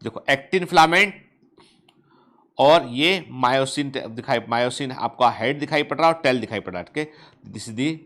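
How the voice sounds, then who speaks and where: A man teaching a biology lesson. He reads English textbook lines slowly, explains them in quick Hindi, and keeps asking students check questions. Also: medium pitch, expressive, fairly bright tone. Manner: calls students "beta" and checks with "theek hai".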